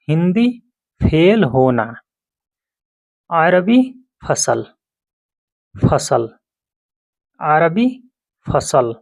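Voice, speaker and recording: A man's voice: a little high, no room sound. A man teaching vocabulary word by word, repeating each term several times. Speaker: language teacher. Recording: dull lo-fi recording.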